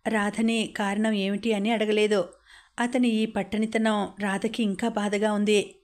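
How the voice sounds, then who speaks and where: A woman narrating an audiobook novel at a steady, measured storytelling pace. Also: medium pitch. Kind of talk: novel read-aloud narration.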